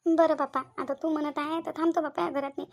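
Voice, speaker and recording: A woman's voice: sits high, level tone, quick pace, gravelly, a little mellow. A woman voicing an aggrieved middle-aged mother in a cartoon, with a whiny, lamenting manner. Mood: self-pitying. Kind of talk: cartoon voice acting.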